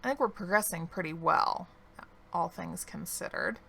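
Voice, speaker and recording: A woman's voice: on the low side, gravelly, sharp tone, slight background noise. A woman commentating her own game as she plays, thinking aloud and losing her voice a little. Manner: slow, thinking aloud while playing. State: losing her voice, clearing her throat. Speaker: gaming video creator. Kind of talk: relaxed let's-play commentary.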